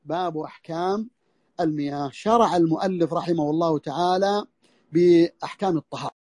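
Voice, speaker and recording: High-voiced man giving a dry audio lesson. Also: brisk, darkish tone, no echo. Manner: repeats phrases and restarts as he explains, clears his throat. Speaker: Islamic scholar teaching a fiqh text. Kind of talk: recorded audio lesson explaining a classical text. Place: audio lesson over a social media voice room.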